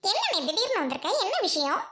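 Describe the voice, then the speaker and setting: Brief: woman plays snooty rich sister, high, sneering, whiny, village family skit. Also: wildly swooping pitch, quick pace, pushed and bright, exaggerated voice. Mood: scornful. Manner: scornful, mocking, whiny. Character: haughty rich young woman snubbing her poor brother.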